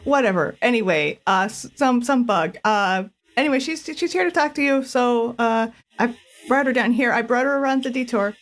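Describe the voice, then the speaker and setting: A woman's voice: fairly high pitch, animated, normal speed, close to an everyday voice. A woman voicing a young nature preserve intern who rambles and hesitates, with plenty of fillers and restarts, in a tabletop role-play.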